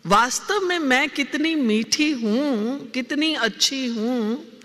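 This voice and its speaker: A woman with a high, bright voice gives a spiritual discourse, speaking slowly and putting questions to her listeners before answering them. Her voice carries a long reverb from a large meditation hall. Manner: asks the audience questions, then answers them. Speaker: spiritual teacher.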